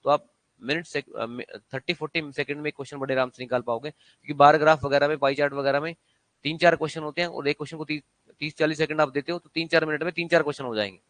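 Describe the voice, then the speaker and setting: A man's voice: a little high, fairly even intonation, quick pace, a bit bright, no echo. A man teaching an exam-prep maths lesson, constantly quizzing students with rhetorical questions.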